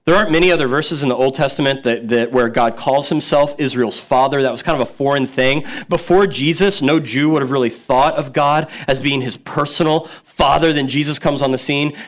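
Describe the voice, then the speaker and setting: A man's voice: mid-range voice, fairly quick, few pauses. A man in his thirties preaching a sermon as a pastor, casual and conversational, often repeating words for emphasis and acting out quotes.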